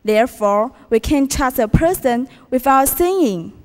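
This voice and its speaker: In a school auditorium, a teenage girl from Taiwan, a native Mandarin speaker, recites her prepared English contest speech carefully with a Taiwanese accent and asks the audience questions. Her high-pitched voice is animated, measured in pace and darkish in tone, recorded from afar in an echoing hall.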